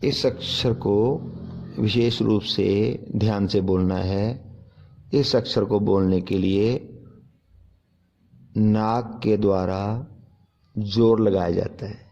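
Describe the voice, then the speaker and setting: A man teaching handwriting with slow, deliberate explanations. His voice sits low and dark. The recording is dull and lo-fi, and he calmly repeats each correction. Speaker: Punjabi writing teacher. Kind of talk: step-by-step handwriting lesson.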